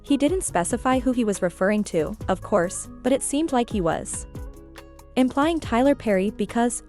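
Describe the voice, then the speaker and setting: A woman's voice: fairly high pitch, a little mellow. A woman delivering scripted entertainment gossip commentary as a narrator.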